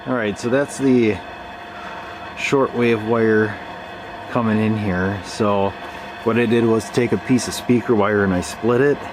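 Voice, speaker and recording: Demonstrating shortwave reception, a man talks through his radio hobby video unscripted, musing as he works. His low voice is steady and unhurried, and the amateur camera audio is thick with background noise.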